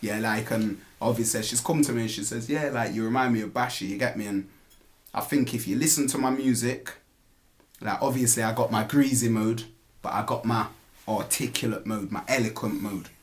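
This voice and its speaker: A man's voice: medium pitch, brisk. Nottingham-accented man talking street slang. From Nottingham, England. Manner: repeatedly tags phrases with "you get me" and "innit". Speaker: rapper being interviewed. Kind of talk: casual interview talk in street slang.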